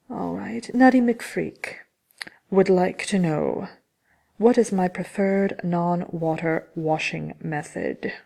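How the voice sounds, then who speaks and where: Woman as wicked storybook witch for ASMR roleplay: soft-spoken, gravelly, slow, dryly unapologetic. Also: deep voice, exaggerated voice. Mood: reading questions. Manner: unhurried, hesitant, dry, condescending "dearie". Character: haughty wicked witch of fairy tale, grumpy and unapologetic. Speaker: host of a question-and-answer show.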